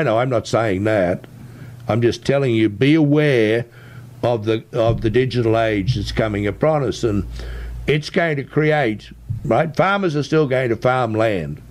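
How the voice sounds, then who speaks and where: An Australian man is being interviewed and explains his views at a medium pitch. He is emphatic and insistent, pressing his points persuasively and tagging sentences with a checking "right?". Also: a little mellow. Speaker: interview guest, tech entrepreneur.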